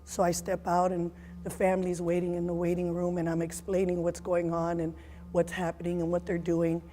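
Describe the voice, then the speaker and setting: A woman in her forties giving a personal testimony as a mother, speaking in an earnest, emotional, halting way. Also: lowish voice, completely flat delivery, dark tone, soft background music.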